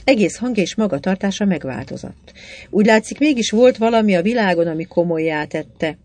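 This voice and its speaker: A woman narrating a novel in an even, measured storytelling manner. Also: mid-range voice, dry recording. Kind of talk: audiobook reading of a novel.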